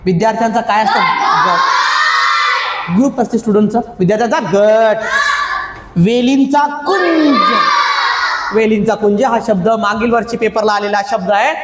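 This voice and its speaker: Male teacher, Vidarbha Marathi accent, high voice, slow chanted drills, echoey classroom. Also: steady tone, a loud crowd. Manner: drills students, playful scolding, stretched chanted words. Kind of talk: classroom grammar lesson with call-and-response. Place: classroom with students. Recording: echoey classroom, faint room noise.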